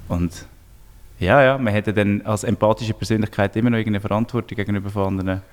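A man's voice: on the low side, steady tone, fast talker, clear, resonant tone. A man with a Swiss German accent, hosting a casual chat, reflective and hesitant as he searches for words. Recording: reverberant room.

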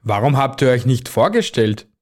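A man's voice: mid-range voice, big pitch swings, normal speed, darkish tone, lightly acted. A man doing a kindly archangel. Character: archangel Michael, kindly firm male angel. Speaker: podcast co-host.

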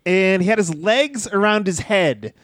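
A man's voice: high-pitched, lively intonation, unhurried, fairly bright tone, dry recording, clean studio sound. A man hosting a wrestling podcast, recapping a match in a casual, joking play-by-play commentator style. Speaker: podcast host.

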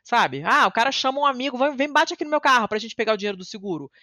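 This Rio de Janeiro native, a podcast guest who lives in Italy, talks at a racing clip in a clean, echo-free studio recording. The conversation is casual and lively, full of cursing and self-mockery, and her voice shoots up high whenever excitement hits.

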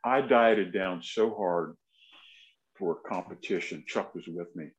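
A man's voice: low voice, a little slow, low-quality recording. A man chatting casually on a fitness talk show, telling jokey stories against himself. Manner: jokey, self-deprecating storyteller. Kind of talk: casual chat.

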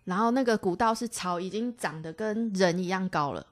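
A young woman with a Taiwanese Mandarin accent, co-hosting a podcast and telling a story in an animated, chatty way with many restarts. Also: mid-range voice, fairly quick. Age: young adult. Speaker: podcast co-host. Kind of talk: casual storytelling chat.

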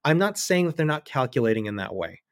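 A man's voice: mid-range voice, very animated, quick pace, no echo. Dry-sounding man analyzing with wry asides. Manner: thinking aloud, wry asides and mock voices. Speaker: guest analyst on militia groups. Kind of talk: conversational podcast interview.

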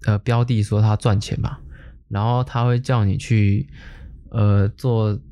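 A man's voice: lowish voice, flat delivery, unhurried, dark tone. A man with a Taiwanese Mandarin accent, hosting a podcast and telling a story in a laid-back, slangy way with mild swearing. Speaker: podcast host. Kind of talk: casual storytelling.

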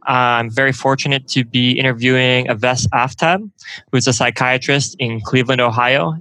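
Bright-voiced male podcast host. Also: medium pitch, low-quality recording. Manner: measured, scripted introduction. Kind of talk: interview hosting.

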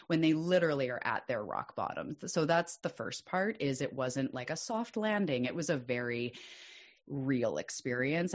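A woman with an unusually deep, low voice shares a personal story as a podcast guest. She speaks candidly and earnestly, and her pitch leaps up when she grows excited. The recording sounds a little dull and muffled.

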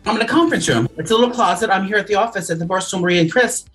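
A man's voice: high voice, a bit bright, soft background music. A man co-hosting a podcast in casual chat, rambling and chatty, heard over echoey remote call audio from a small office conference room. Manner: rambling, chatty, quick talk with restarts. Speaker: podcast co-host.

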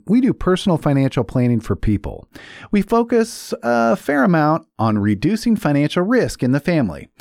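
A man's voice: mid-range voice, darkish tone, dry recording, studio quality. A man hosting a casual talk about money as a financial planner, joking along with playful asides.

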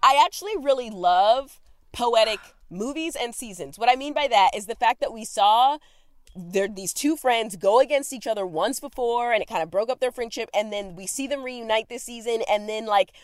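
Female podcast host, higher-pitched, chatty and slangy, recording in a dry, muffled closet. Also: normal speed, dry recording. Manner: animated, giggly, slangy. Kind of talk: casual recap chat. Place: small closet.

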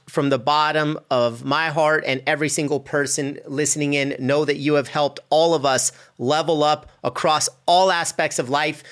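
A man's voice: a little high, fairly bright tone. A man hosting a podcast, asking an upbeat closing question and reading the sign-off. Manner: upbeat, encouraging, promotional. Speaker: podcast host. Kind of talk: podcast interview and outro.

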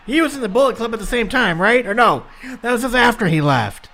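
An excitable man co-commentates wrestling in a strikingly high voice. His pitch swings widely and his tone is bright and forceful as he exclaims at the moves and questions what he sees. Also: a little fast, vocal fry.

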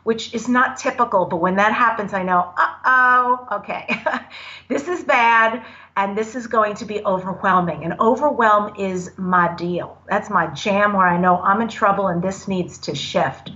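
A woman's voice: mid-range voice, measured pace, sharp tone. Reflective woman with slightly dull audio. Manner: reflective, encouraging, speaks in short phrases. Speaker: podcast guest. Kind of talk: casual conversation.

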